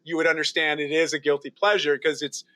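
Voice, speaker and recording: Canadian man, energetic guest, bright slightly high voice. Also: quick pace. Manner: energetic, laughs often, animated. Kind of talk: casual podcast interview.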